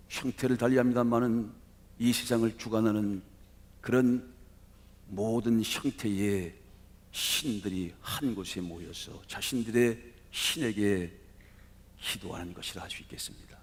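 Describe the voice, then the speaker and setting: A man preaching a Sunday sermon as pastor, telling the story dramatically with sudden swings between loud and quiet. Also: lowish voice. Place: church sanctuary. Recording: reverberant church hall.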